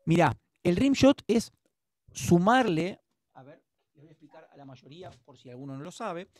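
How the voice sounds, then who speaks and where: A high-sitting, somewhat dark voice with big pitch swings belongs to a drum teacher speaking at a normal pace. He runs an online class over video call, explaining patiently and encouragingly in a Rioplatense Spanish accent.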